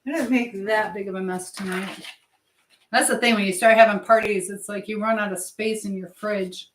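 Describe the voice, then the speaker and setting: Speaking in a mid-range voice with a steady tone and moderate pace, a livestream host who also teaches languages chats casually from her home kitchen. She rambles and thinks aloud while she cooks during a live chat. Expect a roomy echo and clear background noise.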